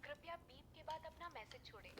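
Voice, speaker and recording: A woman voicing an automated phone voicemail message with formal, even delivery, heard faint and distant through a handset. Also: high voice, quick pace. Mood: neutral. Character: automated female voicemail voice, polite and impersonal. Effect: recorded phone voicemail prompt heard through the handset. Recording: faint distant phone audio with crowd noise.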